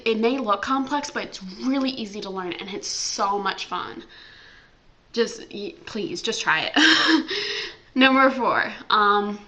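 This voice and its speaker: A woman's voice: medium pitch, bright, forceful tone, lo-fi sound. A young American woman vlogging casually at home, chatty and full of ums and likes. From United States. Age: young adult. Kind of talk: casual chat.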